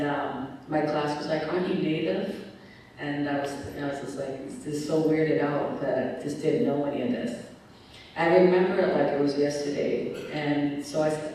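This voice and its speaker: A woman's voice: deep voice, a little mellow, a little hiss or hum. Earnest woman storytelling in an echoey hall. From Squamish Nation, Canada. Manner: earnest, heartfelt. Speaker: guest speaker. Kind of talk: personal storytelling talk. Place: large hall. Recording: echoey hall recording from far off.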